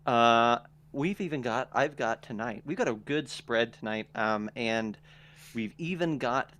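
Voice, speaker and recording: This is a male podcast host in a relaxed chat with friends. His voice sits at an ordinary middle pitch. He fills his pauses with ums and often restarts a thought before getting it out. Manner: hesitant, lots of ums and restarts.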